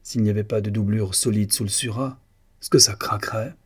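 A man voicing a proud, touchy young seamstress who answers sharply, his husky voice raised a little. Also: lowish voice, steady tone, fairly quick. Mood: irritable. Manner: sharp, irritable.

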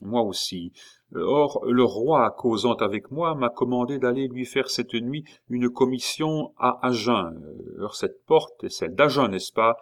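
A man's voice: mid-range voice, a little slow, voice pushed up, lightly acted. A man voicing an impatient, sarcastic male envoy in an audiobook, raising his voice above his narration. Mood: exasperated. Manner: sarcastic, exasperated. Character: impatient sharp-tongued male royal jester-envoy. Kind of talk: audiobook character reading.

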